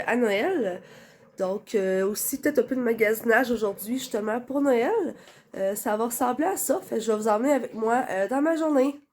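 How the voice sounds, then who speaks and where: A young Quebec French-accented woman vlogs to her phone camera with a cold-stuffed nose, chatty and rambling, using many fillers. Her voice is a little high and a little mellow.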